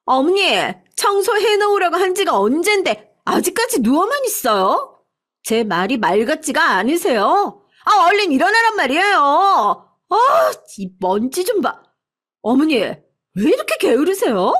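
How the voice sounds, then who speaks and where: A woman voicing a cruel young wife who shouts shrilly at her mother-in-law. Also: very high-pitched, sing-song, unhurried, voice pushed up, full character voice. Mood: contemptuous.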